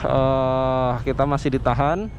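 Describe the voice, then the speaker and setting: A man's voice: mid-range voice, level tone, measured pace, muffled recording. A young man, chatting casually to viewers as he rides a motorcycle through heavy traffic. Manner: chatty, addresses viewers warmly as friends. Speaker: motovlogger. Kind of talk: casual narration while riding. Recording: faint traffic noise behind.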